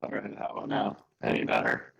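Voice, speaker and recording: A man playing a tabletop game over online voice chat, his call breaking up into glitchy, robotic fragments. He talks in a relaxed, hesitant way. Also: fairly quick. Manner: relaxed, hesitant with many fillers. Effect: glitchy voice call dropping out, robotic and broken up. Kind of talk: casual tabletop game talk.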